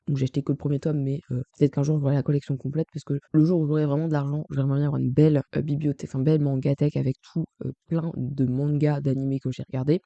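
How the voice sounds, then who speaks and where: A young man with vocal fry and a morning voice, chatting casually to camera as a vlogger in a rambling, self-correcting way. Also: fairly high pitch, mellow, dry recording. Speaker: manga vlogger.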